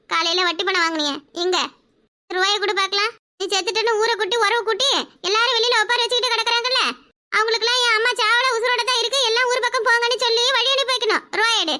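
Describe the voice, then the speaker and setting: A woman's voice: very high voice, steady tone, fast, pushed and bright. A woman voicing a fiery village daughter in a cartoon who scolds her drunken mother. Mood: demanding. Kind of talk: cartoon voice acting.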